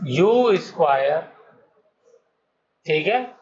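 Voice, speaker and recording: Slow-talking male teacher in an echoey classroom. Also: fairly high pitch, animated, darkish tone. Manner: quizzes students, coaxing answers step by step. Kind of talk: classroom physics lesson. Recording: dull, echoey classroom recording.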